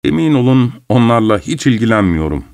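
A man narrating an audiobook voices a proud, irritable gentleman who speaks curtly and scornfully. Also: medium pitch, big pitch swings, brisk, gravelly, pitched above the performer's own voice. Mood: irritated. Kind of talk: audiobook character reading.

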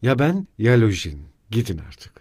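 A man's voice: on the low side, big pitch swings, moderate pace, a little mellow, slightly rough, no echo, clean studio sound. Man voicing a feverish, agitated young student. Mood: bitter. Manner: strained, breaking off abruptly.

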